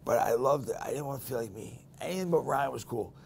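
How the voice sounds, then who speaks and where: This is a creaky-voiced podcast host from Boston, talking at a quick pace and medium pitch over a faint hiss or hum. In casual conversation he's candid and blunt, and his storytelling is lively.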